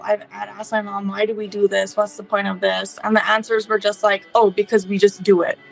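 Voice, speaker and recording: A woman's voice: mid-range voice, creaky. A young woman whose first language is Fiji Hindi, telling personal stories in an earnest, conversational way. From Fiji or Fijian diaspora family. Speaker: interviewee. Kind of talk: personal storytelling, casual talk.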